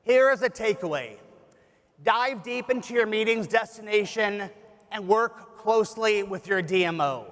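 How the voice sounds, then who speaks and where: High-pitched man, polished corporate keynote enthusiasm. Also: expressive, measured pace, a bit bright. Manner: polished, upbeat corporate promotional delivery. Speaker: tourism executive giving a keynote speech. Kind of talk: scripted keynote presentation. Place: large conference hall on stage. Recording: echoey large hall with audience.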